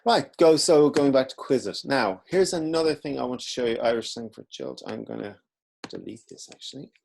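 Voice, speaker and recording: A man teaching in a relaxed, informal way, walking through a screen-recorded software tutorial. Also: mid-range voice, a little fast, vocal fry. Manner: relaxed, informal explaining while clicking.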